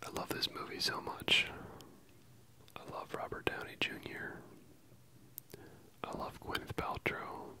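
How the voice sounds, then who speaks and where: Someone whispering softly and closely from ear to ear, giving a casual ASMR film review with hesitant pauses. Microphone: close stereo microphone, ear-to-ear panning.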